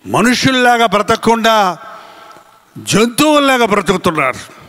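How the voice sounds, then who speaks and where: Casting note: male pastor, bright and high, animated storyteller who stretches words for emphasis. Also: normal speed. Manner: animated storytelling, acting out voices and animal sounds. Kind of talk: sermon.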